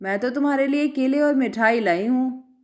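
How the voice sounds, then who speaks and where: A woman's voice: high-pitched, moderate pace, lightly acted. A woman voicing a caring aunt who dotes on her nephew and asks concerned questions, as part of a story reading.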